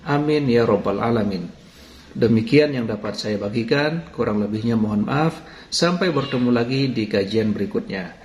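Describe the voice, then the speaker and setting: A man's voice: mid-range voice, moderate pace, a little mellow. A man reading a formal, prayerful scripted closing for a religious channel. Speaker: channel narrator. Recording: echoey room with faint noise.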